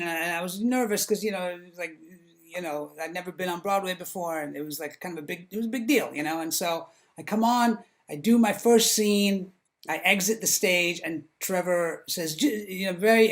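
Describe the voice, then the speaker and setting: A man on a video call, telling an anecdote as an animated storyteller who acts out the quotes. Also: sits high. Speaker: panelist actor. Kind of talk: casual anecdote.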